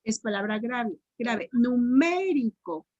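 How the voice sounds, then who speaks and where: A woman teacher with a Mexican accent tutoring grammar online, repeating answers and sounding words out slowly syllable by syllable. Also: a little high, no room sound, lo-fi sound. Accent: Mexican Spanish.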